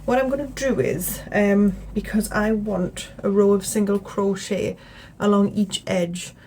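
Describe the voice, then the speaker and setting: A young woman with a British accent talks through her crochet in an easy, rambling way, full of ums and asides. Her voice is soft and mellow, and a faint hiss of room noise sits under it. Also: medium pitch, a little slow, poor audio. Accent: British English. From England. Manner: chatty, relaxed, rambling with fillers. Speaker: crochet vlogger. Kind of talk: casual tutorial chat. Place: home, indoors.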